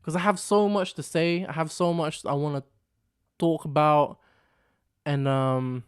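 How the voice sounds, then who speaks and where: A young vlog host from the Philippines, raised in London from his teens, speaks unhurriedly in a fairly high, clean voice with a steady tone. The casual solo vlog is recorded on a camera microphone. He rambles and repeats himself, often tacking on "you know what I'm saying".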